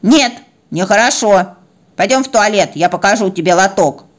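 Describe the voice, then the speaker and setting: A woman voicing a bossy, self-important female cat who lectures and scolds in a slow, firm way. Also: mid-range voice, expressive, close to an everyday voice. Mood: lecturing.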